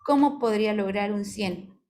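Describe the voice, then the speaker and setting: A woman's voice: medium pitch, moderate pace, darkish tone. A woman with a Mexican Spanish accent teaching a live online class on spelling and punctuation. She is patient, asks "ok?" often and calls on her students by name. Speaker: online course instructor.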